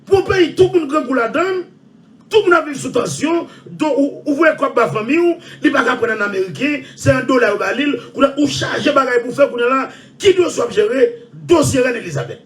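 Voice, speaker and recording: A man hosting an online show, ranting loudly and repeating himself. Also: extremely high pitch, animated, a little fast, distant mic. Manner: shouting, loud and repetitive. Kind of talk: impassioned rant.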